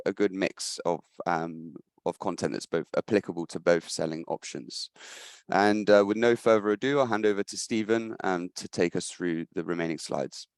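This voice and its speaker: Deep-voiced man presenting, a bit scratchy. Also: clear, resonant tone, no room sound, clean studio sound. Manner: hesitant, many ums and restarts. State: slightly scratchy voice. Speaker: webinar presenter, agency director. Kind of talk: business webinar presentation.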